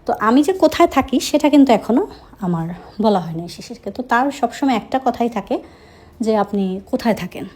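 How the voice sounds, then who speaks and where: A young woman with a slight Chittagong Bengali accent recounts her own story in an easy, chatty way. Her voice is mellow and low in brightness, and she often pauses or restarts her sentences. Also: animated, slightly rough. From Chittagong, Bangladesh. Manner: conversational, with frequent hesitations. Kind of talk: first-person storytelling.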